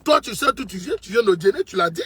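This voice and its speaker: An Ivorian political commentator with a high-sitting, animated voice talks quickly, his fairly bright tone carrying a breathy edge. His monologue is impassioned and emphatic, circling back to the same points as he speaks to the listener as a brother.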